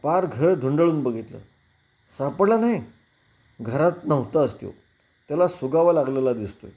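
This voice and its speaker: A man's voice: a little high, animated, darkish tone. A man doing a flustered village constable. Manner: hurried, anxious explaining.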